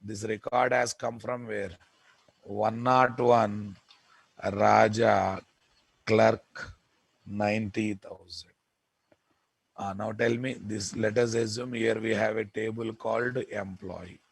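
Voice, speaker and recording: A man with a Telugu Indian accent teaching software in an informal lecture, repeating points emphatically and often checking with listeners. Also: on the low side, level tone, slow, vocal fry, pauses often, breathy edge, no room sound, poor audio. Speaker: programming instructor.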